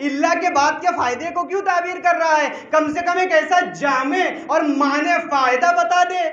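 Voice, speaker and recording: High pitched guy preaching, repeats himself a lot, echoey hall, kinda muffled. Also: moderate pace. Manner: repeats phrases for emphasis, recites Arabic verses, rises to shouts. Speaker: cleric preaching at a majlis. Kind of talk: sermon.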